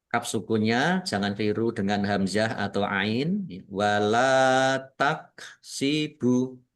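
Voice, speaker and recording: A man's voice: fairly low pitch, animated, moderate pace. A man from Indonesia teaching Quran recitation rules, patiently explaining each rule and drawing out the words he recites. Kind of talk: tajwid lesson with slow recitation.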